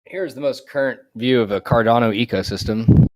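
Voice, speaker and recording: A man with an average-pitched voice chats casually on a live stream. He keeps his remarks short and dry. He sounds plainly conversational. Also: brisk, a little mellow. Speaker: stream participant.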